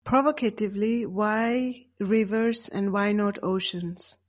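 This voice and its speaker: Female podcast host, friendly casual delivery, husky tone, lo-fi studio audio. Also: mid-range voice, steady tone, slow pace. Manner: friendly, laughs through slips. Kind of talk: casual interview hosting. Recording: dull studio sound with faint music behind.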